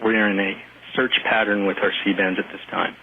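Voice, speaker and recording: A flight controller giving clipped, procedural reports over a mission control radio loop. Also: male voice, lowish voice, level tone, normal speed, slightly rough. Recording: tinny archive radio loop.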